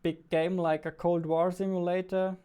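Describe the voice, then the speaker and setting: A high, warm, clear and resonant voice belongs to this indie game developer in his 20s, who speaks at normal speed with little pitch movement. He chats casually as he works on stream, close to a boom-arm studio mic in a small home studio.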